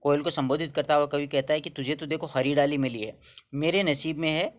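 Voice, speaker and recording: A man's voice: fairly high pitch, steady tone, a little fast. A man teaching a Hindi poem for a school class. He reads each verse, then explains it in simple words and puts questions to the students. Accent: Rajasthani-tinged Hindi.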